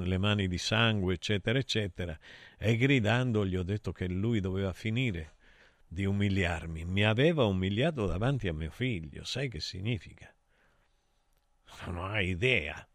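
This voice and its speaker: A middle-aged man hosts a show, reading listener messages and sharing personal stories in an emotional, rambling, intimate confessional monologue addressed directly to listeners. His voice is on the low side, with clean studio sound and no echo.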